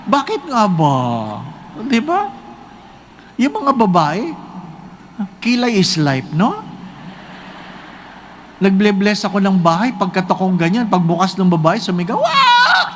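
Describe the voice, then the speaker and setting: A Filipino priest preaches a humorous homily, his fairly high voice leaping up and down as he tells jokes. He keeps asking his listeners rhetorical questions, with a faint hum behind him. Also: measured pace, long pauses. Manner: joking, animated storytelling with rhetorical questions.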